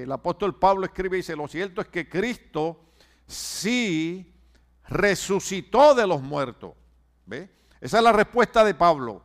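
Man, pastor preaching a sermon, high-pitched voice, slow drawn-out emphasis, call-and-response with the congregation. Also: fairly bright tone. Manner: stretches key phrases slowly for emphasis.

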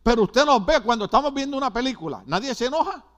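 Fast, sing-song, and a bit bright, the very high voice of an older Puerto Rican pastor carries his sermon. His accent is Puerto Rican Spanish, and he preaches with emphatic repetitions and asides to the people gathered.

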